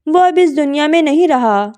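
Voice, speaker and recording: Woman doing a gentle, worried mother. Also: sits high, expressive, moderate pace, voice pushed up. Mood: soothing. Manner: soft, soothing.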